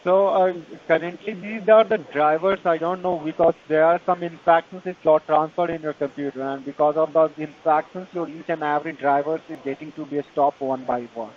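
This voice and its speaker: A man with an Indian accent giving a tech support pitch in a call-center manner, halting and repetitive in non-native phrasing. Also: fairly even intonation. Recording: dull lo-fi phone call, busy chatter behind.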